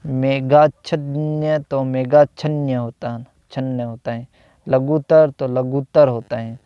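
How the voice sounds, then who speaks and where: A man teaching a grammar lesson, slowly reading out words and their corrected forms, with hesitant fillers and self-corrections. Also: mid-range voice, flat delivery, clear, resonant tone, dry recording. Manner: slow, repeats each corrected word with "तो ... होता है". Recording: dull, slightly lo-fi dry recording.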